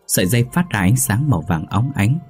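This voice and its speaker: A man narrating a ghost story in a steady, measured reading voice. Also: on the low side, breathy edge, soft background music.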